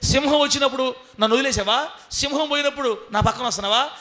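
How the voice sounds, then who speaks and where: A man's voice: high voice, quick pace, a bit bright. A man voicing a bewildered male servant of God who pleads with his Lord. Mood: pleading protest. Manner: anguished, protesting.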